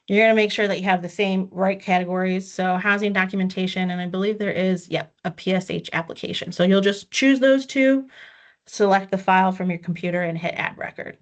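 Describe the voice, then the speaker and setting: On a video call, a woman trainer patiently guides staff step by step through a records system in an online walkthrough. Her medium-pitched voice holds a steady tone at a slightly fast pace, and her explanations are methodical. The audio is dull and lo-fi.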